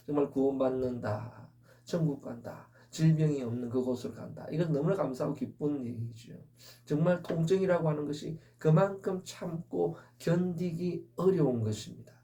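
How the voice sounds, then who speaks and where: A man's voice: fairly high pitch, warm tone, distant mic. A man preaching an Easter sermon as pastor, earnest and full of rhetorical questions.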